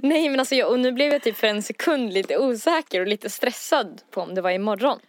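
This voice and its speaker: A woman's voice: on the high side, lively intonation. A woman in her twenties co-hosting a podcast in casual chat, laughing often as she talks loosely. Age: 20s. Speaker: podcast co-host.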